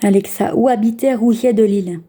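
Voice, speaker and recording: A woman's voice: fairly high pitch, brisk, mellow. A woman vlogger in casual chat, giving spoken commands and chatty asides, with some stumbles. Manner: chatty, stumbling, talking to a device.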